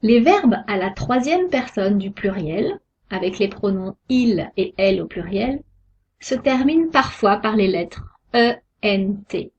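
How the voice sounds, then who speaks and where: A woman giving a scripted pronunciation lesson, sounding out each example word slowly and carefully. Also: medium pitch, lively intonation, slight background noise. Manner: slow, careful, deliberate articulation of example words. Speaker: French pronunciation teacher. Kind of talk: slow scripted lesson narration. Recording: dull lo-fi recording.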